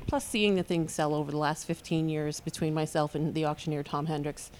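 A woman with a low, quick-paced voice explains bidding at her auction house. She is chatty and practical and laughs easily. Faint noise sits behind her. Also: fairly even intonation, darkish tone. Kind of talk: casual interview answers.

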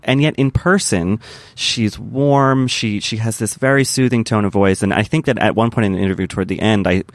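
Low-voiced man, casual rambling interviewer. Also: brisk, no echo. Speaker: podcast host and interviewer.

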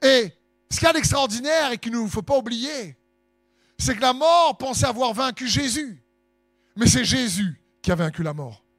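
A man's voice: very high voice, expressive, moderate pace, fairly bright tone, no echo, clean studio sound, soft background music. A man preaching a sermon in an impassioned, sing-song way, letting his phrases swell for emphasis.

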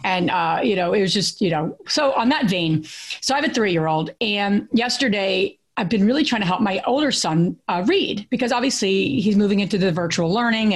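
A woman in her thirties co-hosting a podcast, telling stories in a lively, chatty way with many fillers and restarts. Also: mid-range voice. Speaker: podcast co-host. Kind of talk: casual podcast chat.

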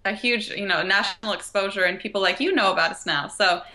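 A woman's voice: mid-range voice, quick pace, bright, forceful tone. A young adult woman, a company co-founder, talking confidently and enthusiastically as a guest in a casual interview.

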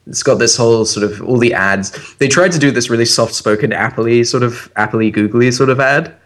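A man co-hosting a casual tech podcast, opinionated and animated, with many fillers and restarts. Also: medium pitch, brisk. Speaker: podcast co-host.

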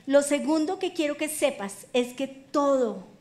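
A woman pastor preaches with a high, bright voice, retelling the story in a lively, playful way. Her delivery is colloquial and full of humor, shifting between a hushed hold and emphatic punches. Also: a little slow. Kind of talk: sermon.

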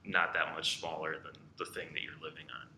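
A man answering interview questions in a rambling, halting way with many fillers. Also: extremely low pitch, level tone, sharp tone, a little hiss or hum. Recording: echoey space with faint ambience.

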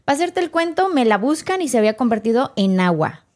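A woman's voice: fairly high pitch, fast talker. A woman, a podcast guest telling her own story with emotion and acting out the people in it. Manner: animated, acts out quoted dialogue.

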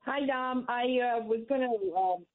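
A woman's voice: a little high, unhurried. A woman calling in to a radio show, speaking hesitantly with fillers, her voice muffled because her phone is on speaker. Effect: muffled speakerphone sound. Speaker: caller. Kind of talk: call-in radio chat.

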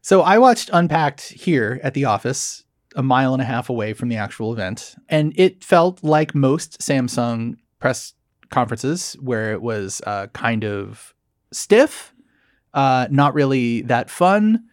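A man co-hosting a tech podcast, calmly explaining technical details in a measured, nerdy way. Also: medium pitch, no echo, clean studio sound. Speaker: podcast co-host. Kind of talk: casual tech podcast chat.

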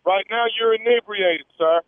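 A man talks over the phone in a calm, polite police-officer manner, halting often with "uh". His voice is high. The line is thin and phone-like with no room echo. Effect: heard over the phone. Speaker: radio prank caller. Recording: tinny phone line, dry.

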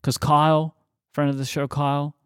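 A man's voice: on the high side, clear, resonant tone, dry recording, clean studio sound. A man co-hosting a podcast, chatting casually and animatedly, stretching words for emphasis. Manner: conversational, animated, drawn-out emphasis. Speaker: podcast co-host. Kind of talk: casual tech podcast chat.

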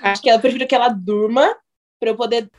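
A woman's voice: fairly high pitch, fairly even intonation, fast talker. A young Brazilian woman, a podcast guest, chatting casually and playfully, laughing and joking in broken English. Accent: Brazilian Portuguese. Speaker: guest, professional basketball player.

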